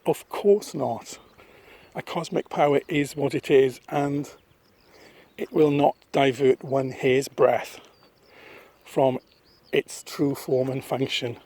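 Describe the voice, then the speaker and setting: Husky man musing on a walk. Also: mid-range voice, flat delivery, darkish tone. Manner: thoughtful, rambling, pausing often. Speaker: vlogger. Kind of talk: casual walking vlog monologue. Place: outdoors on a misty countryside walk. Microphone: phone held at arm's length.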